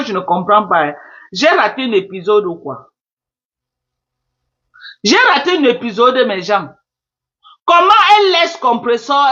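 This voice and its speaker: A woman hosting a live stream, her voice bright and cutting as she taunts and repeats herself. The sound is muffled and lo-fi, like a phone live feed. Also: on the high side. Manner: taunting, repetitive, scolding. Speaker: Facebook live host. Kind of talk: mocking live-stream commentary.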